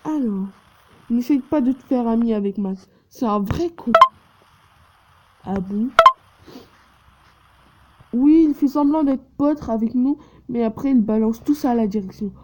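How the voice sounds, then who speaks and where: A woman with a fairly high voice reads a dating game's dialogue aloud at a slow, unhurried pace. She stumbles, restarts and drops in her own asides between lines. The recording is noisy, with clicks in the background. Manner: slow, halting reading with self-corrections. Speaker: player reading a dating game aloud. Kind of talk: reading visual novel dialogue aloud with asides.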